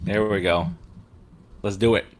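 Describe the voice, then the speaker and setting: A man hosting a podcast who steers the chat along with quick, casual interjections. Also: low-pitched, steady tone, slight background noise. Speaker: podcast host.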